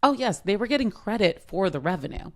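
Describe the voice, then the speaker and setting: A woman co-hosting a casual chat podcast, agreeable and quick to chime in. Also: mid-range voice, big pitch swings, darkish tone. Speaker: podcast co-host.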